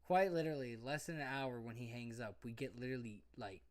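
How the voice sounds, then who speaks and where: A man's voice: mid-range voice, brisk. A young man co-hosting a casual podcast, rambling and repeating himself. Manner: rambling, repeats himself, says "bro" and "you know what I mean". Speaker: podcast co-host. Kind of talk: casual drunken chat.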